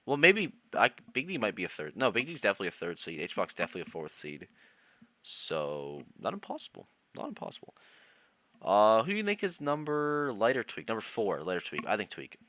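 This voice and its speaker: A man's voice: on the low side, wildly swooping pitch, brisk, pushed and bright, no echo. A young man on a live stream, chatting casually about competitive players and reacting to chat, laughing often.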